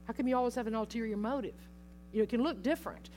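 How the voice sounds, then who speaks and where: A woman's voice: fairly high pitch, racing, dark tone, slight background noise. A middle-aged woman teaching a Bible study in an informal, chatty way, acting out quotes and laughing often.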